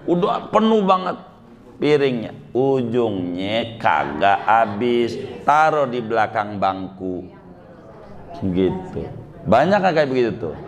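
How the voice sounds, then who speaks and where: A man's voice: mid-range voice, sing-song, takes it slowly. A male Islamic preacher from Banten, giving a humorous sermon, chatty and joking, acting out little scenes and repeating words for effect. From Banten, Indonesia.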